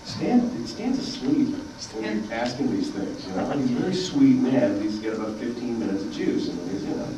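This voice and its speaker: A man's voice: medium pitch, lively intonation, moderate pace, few pauses. Man, panelist, wry jokey talk, far from mic in a roomy, noisy space. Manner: wry, teasing. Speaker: panelist from the show. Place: convention panel room. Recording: echoey hall from far off, noisy.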